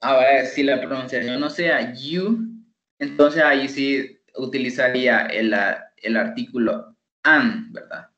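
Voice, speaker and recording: A man with a Salvadoran Spanish accent teaching an online English class, slowly repeating words for pronunciation practice. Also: medium pitch, pushed and bright. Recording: dull, echoey online call audio.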